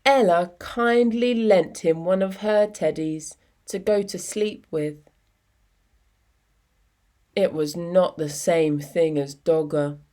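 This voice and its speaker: A storytime reader with a fairly low-pitched voice reads a children's picture book aloud, expressive and deliberate, with dramatic pauses.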